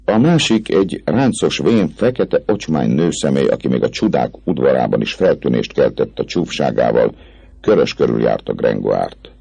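Very deep, gravelly male narrator. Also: expressive, dark tone, no echo. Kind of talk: audiobook narration of a classic novel.

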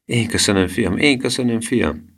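A man's voice: on the low side, fairly bright tone, husky, pitched above the performer's own voice. Old storybook granny, bossy and fond, scolds with love, male narrator. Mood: tender. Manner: scolding yet tender. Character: bossy, affectionate old grandmother.

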